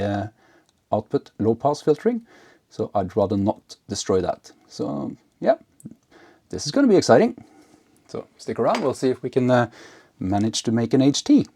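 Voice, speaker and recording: A man with a lowish, creaky, warm voice hosts an electronics and ham radio build video. He gives a casual hands-on demonstration, hesitantly thinking aloud as he works.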